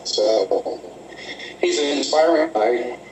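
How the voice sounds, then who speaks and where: A man's voice: medium pitch, expressive, takes it slowly, background noise. A man giving a graduation speech, telling stories in a loose, conversational way with many fillers. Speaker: graduation speaker. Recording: echoey hall from far off.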